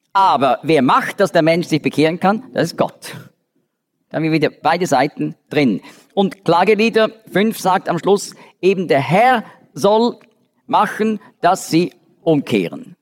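A man giving a Bible study lecture, explaining step by step with frequent restarts and fillers. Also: fairly high pitch. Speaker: Bible teacher. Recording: long reverb of a large hall.

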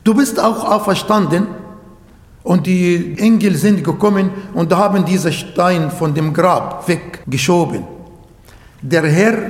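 High-voiced slow preacher in echoey hall. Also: male voice. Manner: earnest, emphatic, unhurried preaching with pauses. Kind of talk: sermon. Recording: echoey hall with long reverb.

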